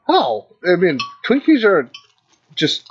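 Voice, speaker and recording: A man's voice: sits high, wildly swooping pitch, takes it slowly, soft background music. A young man co-hosting a podcast in casual chat, rambling and hesitant with many fillers. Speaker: podcast co-host. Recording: dull lo-fi mic.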